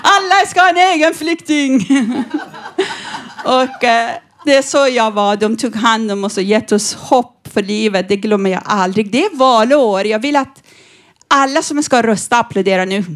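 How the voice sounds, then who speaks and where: A middle-aged woman from Iran doing stand-up comedy, cheeky and quick to laugh. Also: on the high side, a little hiss or hum. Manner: cheeky, laughing often, lively. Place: stage before a live audience.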